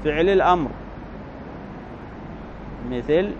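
Explaining Arabic grammar one step at a time, this man speaks in a voice on the high side, slow and deliberate. He keeps checking understanding with "right?" The recording is dull and lo-fi, with a noisy background.

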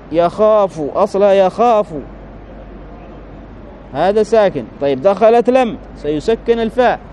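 A man with a high, darkish voice teaches Arabic grammar step by step, slowly and deliberately, repeatedly asking the listener "right?" to confirm they follow. The lo-fi recording sounds dull, with slight background noise.

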